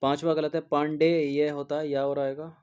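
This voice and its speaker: Hindi exam tutor, dark, lo-fi. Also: male voice, a little high, flat delivery, moderate pace, clean tone. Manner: repeats each word over and over and checks in with a constant "theek hai". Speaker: exam prep teacher. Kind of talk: spelling lesson, explaining answers. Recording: dull lo-fi recording.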